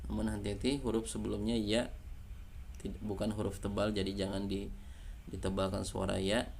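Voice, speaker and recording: A man with an Indonesian accent teaching Quran recitation, patiently correcting letter sounds and chanting verses slowly. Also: lowish voice, monotone, creaky, darkish tone, slight background noise. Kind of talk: tajwid lesson with slow chanted recitation.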